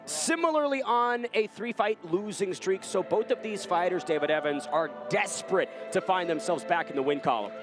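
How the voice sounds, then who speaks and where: A man's voice: high voice, normal speed, hardly any pauses, over music. A man giving polished live play-by-play commentary on a cage fight broadcast.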